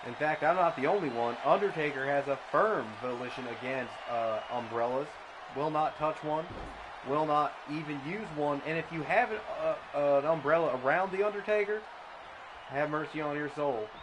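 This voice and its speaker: A man doing comedic mock wrestling commentary, deadpan and absurd, often stammering into restarts. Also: on the high side, normal speed. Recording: noisy background.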